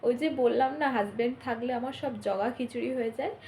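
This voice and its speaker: A young woman vlogger rambles through her day in a casual home video, her voice a little high and fast with vocal fry and packed with fillers. She keeps it soft because others are asleep, and a slight hiss or hum sits under the recording.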